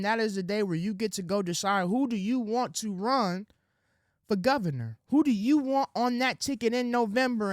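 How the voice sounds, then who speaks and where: His voice sits high, and the dry, close recording has no echo. This political commentary host preaches to camera in slang and addresses listeners as ladies and gentlemen. He acts out quotes in a soft, sweet-talking voice.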